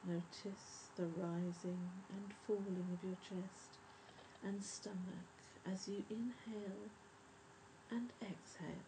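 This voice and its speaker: A woman leading a guided breathing meditation in a soft, soothing, measured spa voice that often trails toward a whisper. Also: medium pitch, flat delivery. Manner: measured, instructive. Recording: faint background noise and ambience.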